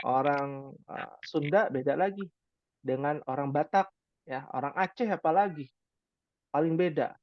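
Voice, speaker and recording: A man with a mid-range voice teaches Arabic in an online class lecture, recorded dry and lo-fi with no echo. He talks conversationally, poses rhetorical questions, and fills pauses with "ya" often.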